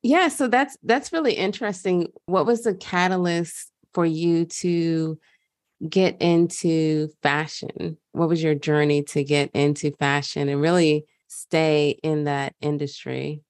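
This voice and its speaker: A woman's voice: low voice, steady tone, unhurried, darkish tone, no room sound, clean studio sound. A woman hosting a podcast, reading a polished, upbeat intro and asking interview questions. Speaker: podcast host.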